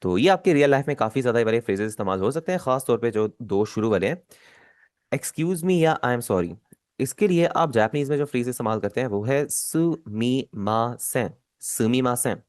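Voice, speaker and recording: A man's voice: mid-range voice, lively intonation, a little mellow, no echo, studio quality. Patient language teacher man. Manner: patient, explanatory, repeats key words slowly. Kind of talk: online language lesson.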